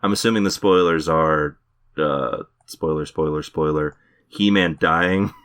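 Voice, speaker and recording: A man's voice: very deep voice, unhurried, a bit bright. A man hosting a casual podcast chat, laid-back and hesitant, with frequent filler words. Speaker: podcast host.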